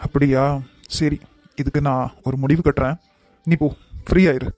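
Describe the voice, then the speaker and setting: A man's voice: mid-range voice, steady tone, normal speed, darkish tone, lightly acted. A man voicing a firm but kind young elder brother in a cartoon, with a Kanyakumari Tamil accent and a decisive, reassuring manner. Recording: voice over guitar music.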